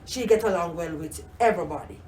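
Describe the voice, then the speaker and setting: An older Jamaican grandmother with a lowish voice talks fast about the past in a casual oral history interview, in a Jamaican accent. She reminisces warmly, repeating words and saying "you know" a lot. The sound is roomy with slight background noise.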